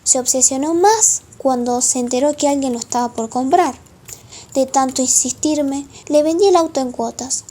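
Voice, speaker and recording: Woman voicing a proud Italian businessman, high-pitched. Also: moderate pace, dark tone. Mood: guarded, formal. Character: Italian male bar and car dealership owner, proud, defensive suspect. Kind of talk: amateur radio play acting.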